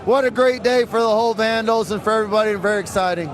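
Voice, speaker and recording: A man's voice: sits high, racing. A man, a football head coach, giving a plain-spoken, colloquial post-game interview outdoors on the field.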